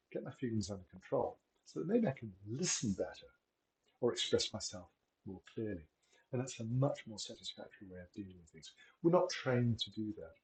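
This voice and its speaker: A middle-aged man giving a gentle, measured talk on wellbeing, encouraging and unhurried with frequent pauses. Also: lowish voice, poor audio. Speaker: wellbeing presenter. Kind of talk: reflective solo talk.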